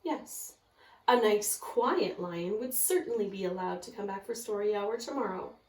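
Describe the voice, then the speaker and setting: A woman's voice: mid-range voice, lively intonation, moderate pace, darkish tone, close to an everyday voice. A woman voicing a stern, clipped head librarian who cares about rules in a children's storybook. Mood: strict. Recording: echoey, far from the mic.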